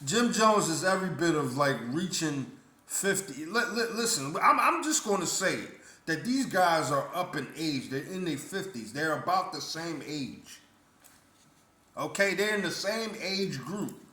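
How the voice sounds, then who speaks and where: A vlogger rants about his opinion in a casual video, sounding blunt and indignant, with lots of repeated words and restarts. His voice is fairly high, bright and forceful, with big pitch swings and an unhurried pace. Noticeable echo rings through the room.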